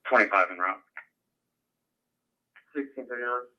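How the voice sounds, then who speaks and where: A man's voice: medium pitch, a little slow, muffled recording. A man speaking in terse, businesslike radio codes over a police radio transmission, like an officer reporting to dispatch.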